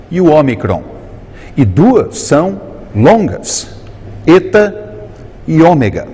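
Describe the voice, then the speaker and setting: A man with a Brazilian Portuguese accent teaching Greek in a recorded lesson, explaining terms slowly and carefully and drawing out each Greek word. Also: fairly high pitch, a little mellow, slightly rough. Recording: long reverb on the voice.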